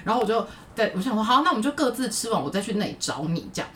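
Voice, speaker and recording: A woman in her thirties with a Taiwanese Mandarin accent, hosting a podcast and telling stories in a casual chat, animated and laughing. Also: rapid-fire, far from the mic, a little hiss or hum. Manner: animated, laughing, swooping pitch when retelling stories. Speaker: podcast host. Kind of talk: casual chat, lively storytelling.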